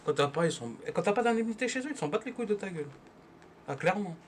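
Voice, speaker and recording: Slangy rambling young comedian. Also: male voice, high voice, animated, racing, slight background noise. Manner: slangy, rambling storytelling with restarts. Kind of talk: stand-up comedy monologue. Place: at home.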